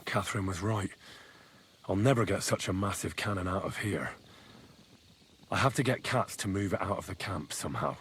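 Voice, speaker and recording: An earnest young squire. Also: male voice, low-pitched, animated, normal speed, pauses often, a bit bright, a little hiss or hum. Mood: thoughtful. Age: young adult. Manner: earnest, questioning.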